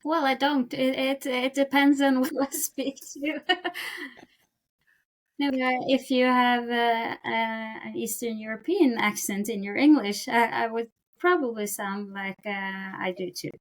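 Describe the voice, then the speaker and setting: A woman's voice: fairly high pitch, fairly even intonation, a little slow. A Norwegian woman with a Norwegian accent, a podcast guest who laughs often while chatting. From Norway. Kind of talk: casual podcast chat.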